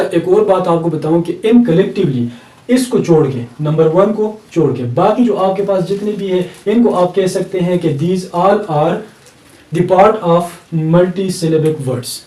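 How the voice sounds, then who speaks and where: Male teacher, Pakistani accent, patient explaining, repeats examples slowly, mellow voice, roomy distant sound. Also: high voice. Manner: explanatory, mixes English terms into Urdu, repeats example words slowly. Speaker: English teacher. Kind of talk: recorded lecture. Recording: echoey room, mic at a distance.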